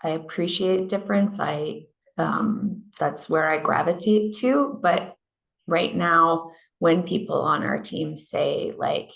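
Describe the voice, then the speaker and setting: A woman's voice: low voice, slow, gravelly, a bit bright. A woman in a workshop discussion on a video call, speaking earnestly and with frustration and acting out quoted remarks. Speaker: workshop participant. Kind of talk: candid discussion.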